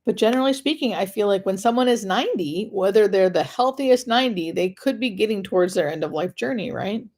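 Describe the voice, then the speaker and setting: Woman, American accent, hospice nurse, mid-pitched, casual live Q&A, explanatory, stop-and-start phrasing, repeats for emphasis. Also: lively intonation, fairly quick, hardly any pauses, a little mellow. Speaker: hospice nurse answering live viewer questions.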